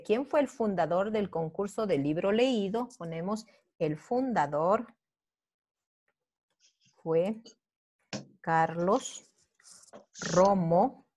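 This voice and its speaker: A woman's voice: sits low, vocal fry, darkish tone. A middle-aged woman teacher, patiently explaining a review lesson step by step and checking in with her students. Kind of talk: online class review.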